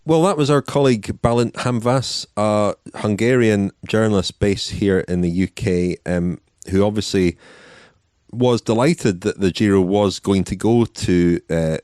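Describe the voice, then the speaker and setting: A man co-hosting a podcast, reading a sponsor message and introducing a clip in a brisk informal way. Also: lowish voice, a little mellow, no echo, clean studio sound. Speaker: podcast co-host. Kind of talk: sponsor read and casual chat.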